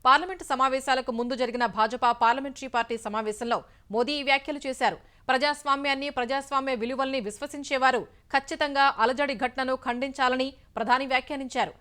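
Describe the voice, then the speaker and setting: A woman news anchor reading the bulletin in a brisk, formal newsreader manner. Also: high-pitched, a bit bright, clear, resonant tone.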